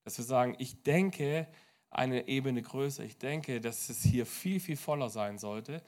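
Lively pastor preaching. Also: male voice, medium pitch, measured pace. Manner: lively preaching with sudden loud and soft turns. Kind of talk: sermon. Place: church.

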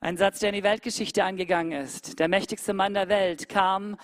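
Eine Frau hält eine emphatische Predigt und senkt dabei oft abrupt Tonhöhe und Lautstärke. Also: female voice, fairly even intonation, normal speed, no room sound, studio quality. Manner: emphatic, with sudden drops in pitch and volume. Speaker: preacher. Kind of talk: sermon.

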